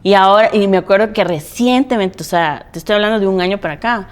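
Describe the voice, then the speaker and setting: A woman's voice: medium pitch, quick pace. A woman in her thirties hosting a parenting podcast, talking animatedly and laughing often. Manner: animated, laughs often, acts out quoted voices. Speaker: podcast host. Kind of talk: casual conversation.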